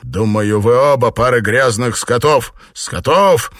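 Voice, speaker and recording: A man playing a jealous, hot-tempered husband who blusters and shouts in an audiobook. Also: medium pitch, normal speed, no room sound, clean studio sound, voice pushed up, lightly acted. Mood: furious.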